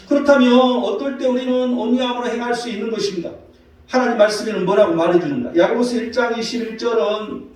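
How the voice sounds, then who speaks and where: A man's voice: high-pitched, a little mellow. A male pastor giving a Sunday morning sermon in a church sanctuary, citing scripture and posing rhetorical questions to the congregation. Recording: very echoey hall from far off.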